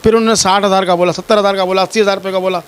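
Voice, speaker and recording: A man's voice: high voice, little pitch movement, very fast, clear, resonant tone. A man from Pakistan telling his ordeal to a reporter, distressed and pleading, often repeating himself. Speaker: complainant telling his story. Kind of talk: personal account to a reporter.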